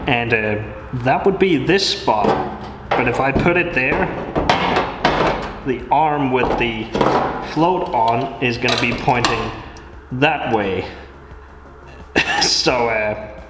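A man giving casual, chatty commentary as he works on a vehicle in a cold workshop. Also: mid-range voice. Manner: relaxed, chatty, with small laughs. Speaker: vehicle restoration vlogger. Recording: echoey workshop with loud noise.

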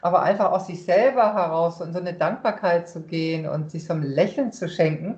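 A woman's voice: fairly low pitch, a little fast, a little mellow. A woman guest chatting in an interview, reflective and thinking aloud with small restarts. Her voice comes through a roomy, echoey space on dull, lo-fi audio. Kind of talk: casual interview chat.

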